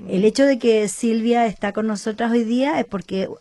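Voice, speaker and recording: A woman's voice: fairly high pitch, moderate pace, mellow. Chilean-born woman hosting community radio. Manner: earnest and outspoken. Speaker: radio host.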